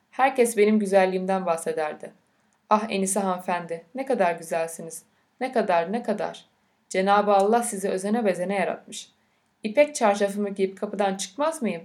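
A woman reading aloud and putting on a vain, bitter old grandmother who scolds with open scorn. She sits at a middling pitch for a woman and stays close to a plain reading voice, with a volatile, spiteful edge in the delivery. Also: darkish tone, natural voice. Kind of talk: audiobook character reading.

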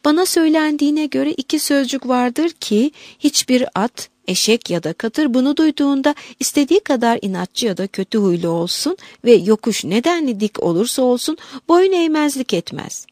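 A woman voicing a young novice nun who is timid and earnest, speaking high and pleading. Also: lively intonation, normal speed, few pauses, a little mellow, dry recording, clean studio sound.

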